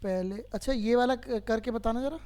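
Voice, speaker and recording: A man's voice: very high-pitched, normal speed, a little mellow. A man teaching a math lesson to a class, who keeps quizzing his students and patiently repeats each step.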